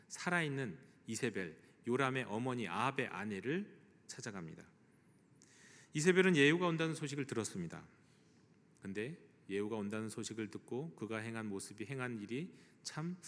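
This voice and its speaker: Korean pastor preaching in a reverberant church. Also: male voice, medium pitch. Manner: storytelling retelling with vivid quoted speech. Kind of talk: sermon. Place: church sanctuary.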